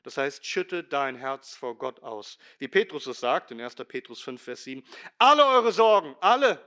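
Middle-aged male pastor, sermon delivery, bright ringing tone, emphatic with hushed low drops. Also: moderate pace. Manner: emphatic preaching, swinging between loud stresses and quiet low asides.

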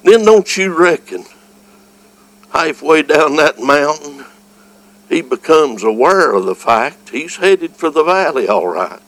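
A man with a Southern US accent preaching a fervent evangelical revival sermon, folksy and exclamatory, moving between quiet storytelling and shouting. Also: a little high, lively intonation, slow pace, low-quality recording.

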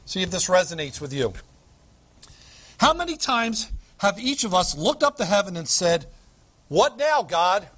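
A man preaching a sermon as pastor, emphatic, with dramatic pauses and repetition. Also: sits high, very animated, a bit bright.

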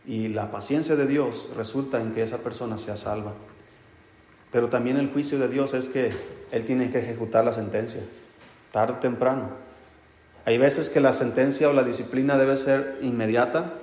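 Preacher in an echoey hall. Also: male voice, mid-range voice, steady tone, normal speed, darkish tone. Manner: rhetorical questions, asks the congregation and answers himself; addresses listeners as brothers, light humor. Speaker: pastor. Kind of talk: sermon. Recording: echoey hall with long reverb.

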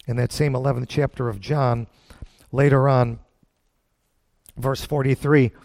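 A man preaching a Bible-teaching sermon in a folksy, plain-spoken way, emphatic, with deliberate pauses and rhetorical questions. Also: mid-range voice, fairly even intonation, vocal fry, a little mellow, dry recording.

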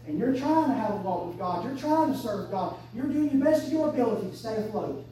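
A woman, preaching an impassioned sermon that swings between hushed and shouted. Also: a little high, expressive, brisk, a little hiss or hum. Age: 30s. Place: church sanctuary. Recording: echoey church from far off.

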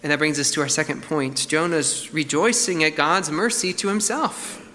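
A man's voice: on the high side, moderate pace, bright, forceful tone, big-room sound, a little hiss or hum. A man preaching an expository sermon in an earnest, emphatic way.

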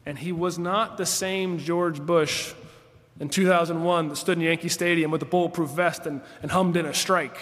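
A man's voice: fairly high pitch, steady tone, moderate pace, fairly bright tone. A man in his late thirties preaching a sermon as pastor, earnest, reading scripture aloud and lifting his voice on key phrases. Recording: long hall reverb.

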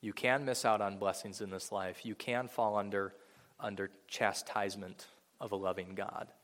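A man's voice: lowish voice, little pitch movement, moderate pace, a bit bright. A man preaching a sermon to a congregation in a church, earnest and swelling to emphatic peaks. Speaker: pastor. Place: church sanctuary before a congregation. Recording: long reverb of a large hall.

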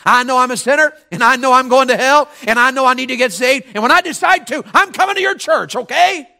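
Preacher putting on a loud stubborn neighbor man. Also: quick pace, vocal fry, full character voice. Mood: defiant. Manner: loud, raised pitch, emphatic.

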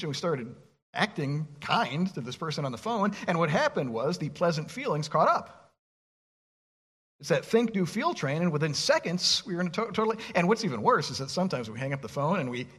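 Male pastor, sermon delivery; husky, slightly high voice with a very lively pitch that swings up on questions. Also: fairly quick. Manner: animated preaching, reads scripture aloud, rhetorical questions.

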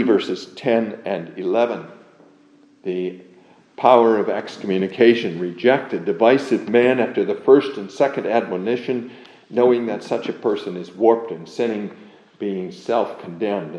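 Dark-voiced preacher in an echoey church. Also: male voice, lowish voice. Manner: earnest, measured, reads scripture aloud, emphatic on key words. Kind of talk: expository sermon. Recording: dull, echoey room sound.

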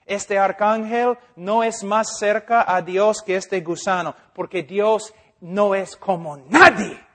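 Male preacher, high voice, unhurried delivery, drops to near-whispers and builds to shouts. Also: fairly even intonation. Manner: swings from hushed to loud and emphatic. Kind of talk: sermon.

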